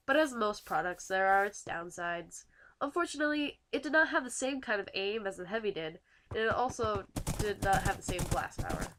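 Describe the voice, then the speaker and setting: A woman's voice: medium pitch, fairly bright tone, a little hiss or hum. A teenage girl with a nasal, stuffy voice, narrating a school project video in a chatty, self-deprecating way. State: stuffy nose from a winter cold. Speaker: student YouTuber.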